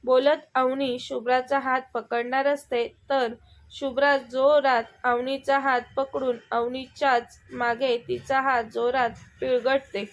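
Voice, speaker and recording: A woman narrating a romantic family story in a steady, measured reading. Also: sits high.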